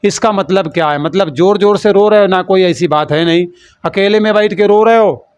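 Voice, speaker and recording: A man's voice: high-pitched, normal speed, clear, resonant tone, dry recording, dull audio. A man teaching a lesson for an exam, explaining in a playful, teasing way and calling the students "beta".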